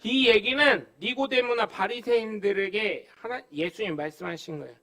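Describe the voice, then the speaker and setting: A man preaching a live Sunday sermon as pastor, animated and humorous, with emphatic exclamations. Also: high-pitched, moderate pace. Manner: animated, humorous, acts out dialogue.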